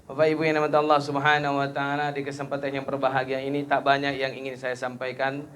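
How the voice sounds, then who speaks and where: Male preacher, bright and forceful, rises high and loud for emphasis, faint background noise. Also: completely flat delivery, quick pace. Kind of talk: sermon.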